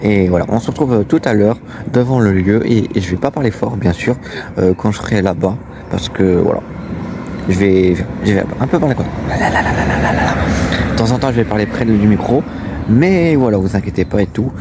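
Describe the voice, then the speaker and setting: A man's voice: lowish voice, normal speed. Rambling young man vlogging on a phone. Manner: rambling, repeats filler phrases. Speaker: urbex vlogger. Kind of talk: casual vlog talk to camera. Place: outdoors near an abandoned manor. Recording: loud background noise on a phone recording.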